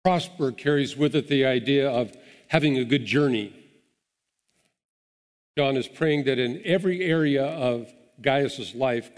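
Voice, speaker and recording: A man preaching a sermon as pastor, earnest and encouraging, with small restarts as he talks. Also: mid-range voice. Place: church sanctuary. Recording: long hall reverb.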